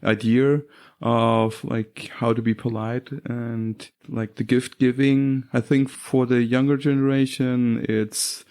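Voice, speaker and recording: German guest, slow-spoken, halting with fillers, mid-pitched man. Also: little pitch movement, a little mellow, clear, resonant tone. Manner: hesitant, many fillers, searches for words. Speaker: podcast guest. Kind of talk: casual chat.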